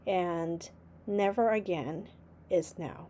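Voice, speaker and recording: A woman hosting her own podcast, speaking haltingly with many fillers over a call. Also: lowish voice, dark tone. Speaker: podcast host. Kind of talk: podcast interview.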